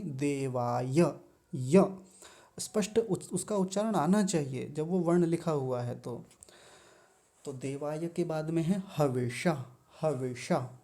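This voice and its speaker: Slow, mellow-voiced man teaching pronunciation. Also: fairly high pitch. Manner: repeats words slowly, syllable by syllable; patient, explanatory. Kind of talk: slow, careful pronunciation lesson.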